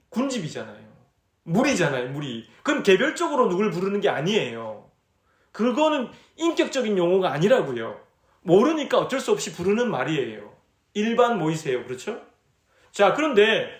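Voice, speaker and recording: A man's voice: high voice, roomy sound. A man preaching at a church retreat in a conversational way, asking the audience questions and acting out his own dialogue as he tells stories. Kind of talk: sermon.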